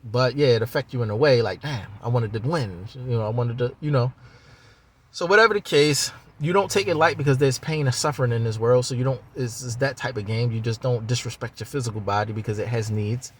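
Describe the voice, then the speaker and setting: A man's voice: mid-range voice, a little fast, breathy edge. A rambling, easygoing man. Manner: rambling, loose and profane, with many fillers. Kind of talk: casual spiritual monologue.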